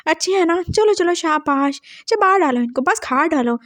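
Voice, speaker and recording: A woman's voice: very high-pitched, lively intonation, moderate pace, fairly bright tone, no room sound, clean studio sound, pitched above the performer's own voice. A woman voicing a scheming young woman who talks in an overly sweet, coaxing way, in a told drama story.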